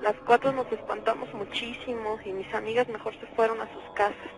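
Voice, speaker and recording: A woman's voice: a little high, flat delivery, brisk, music in the background, rough recording. A young woman calls in to a radio show. She sounds frightened and pleads for help. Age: young adult. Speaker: caller. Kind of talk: radio call-in.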